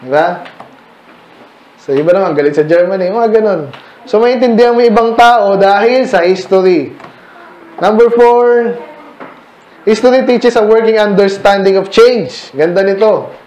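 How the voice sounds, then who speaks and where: In an echoey church meeting room, a man lectures a mixed audience on church history in a conversational style, tossing rhetorical questions at the listeners and slipping in English terms. His voice is high-pitched and a little mellow, and he talks somewhat slowly with frequent pauses.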